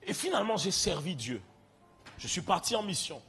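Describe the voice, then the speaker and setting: A young man with a French Caribbean (Antillean) accent gives a conversational sermon, telling the congregation his personal story. His high-pitched voice is very animated, creaky and fairly bright at a moderate pace, with a little hiss or hum on the recording.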